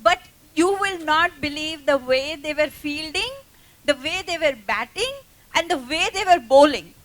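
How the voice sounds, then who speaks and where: A woman speaks very slowly into a stage mic, her voice pitched high. She praises a team with real enthusiasm and asks the crowd for applause. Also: a bit bright, rough recording. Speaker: speaker introducing a cricket team. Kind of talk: onstage announcement.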